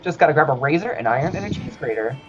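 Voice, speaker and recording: Rapid-fire and expressive, a man with a fairly high voice chats casually on a game stream with friends, reading out game text and frequently cursing and laughing. The stream audio is muffled and lo-fi, with faint music underneath.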